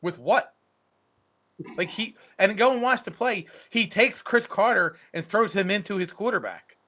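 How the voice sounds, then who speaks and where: Animated guy on a football podcast, acts out players, bright voice. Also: high-pitched, moderate pace. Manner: animated, acts out players' lines, repeats words. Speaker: podcast co-host. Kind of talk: casual sports chat.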